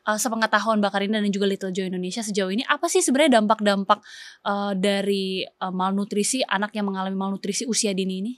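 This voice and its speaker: A woman's voice: mid-range voice, fairly even intonation, fast, dry recording. A young woman hosting a talk show, asking questions in a friendly way with hesitant fillers. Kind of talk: casual talk show interview.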